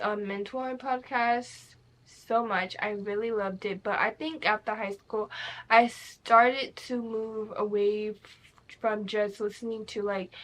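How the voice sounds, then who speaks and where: A young woman hosts her own casual solo podcast, rambling candidly and swearing freely. Her voice is mid-range with a fairly bright tone.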